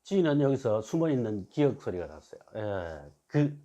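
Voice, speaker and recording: Slow, sing-song male phonics teacher, muffled sound. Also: fairly low pitch, big pitch swings, dark tone. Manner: repeats words slowly, asks "그죠?" for agreement. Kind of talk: slow classroom-style phonics lesson. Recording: dull lo-fi recording.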